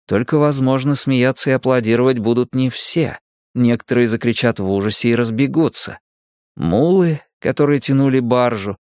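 A man reading a novel aloud as an audiobook narrator, in a measured, steady way. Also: medium pitch, dry recording, clean studio sound. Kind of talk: scripted narration.

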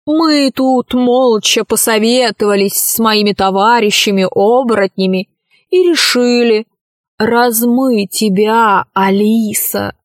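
Slow mocking vampire guy , a woman reading him, sly and sneery, kinda high voice, dry close sound. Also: no room sound. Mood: cold. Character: cunning sneering male vampire wizard.

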